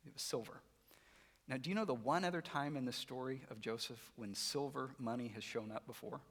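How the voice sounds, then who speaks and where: A man's voice: mid-range voice, fairly bright tone. A man preaching a sermon, telling the story with animation and acting out the characters' voices. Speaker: pastor. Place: church sanctuary. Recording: long hall reverb.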